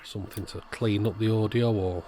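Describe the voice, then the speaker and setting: Working at an indoor bench, this man talks through a repair on his own channel in a casual, hands-on way. His lowish voice keeps a steady tone at a fairly quick pace, understated and matter-of-fact as he thinks aloud.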